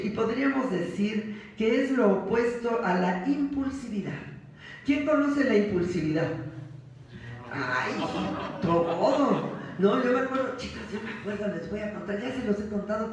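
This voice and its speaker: Mexican woman pastor preaching in echoey church. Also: medium pitch. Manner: humorous storytelling with laughter. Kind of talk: sermon. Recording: echoey church hall, mic from far off.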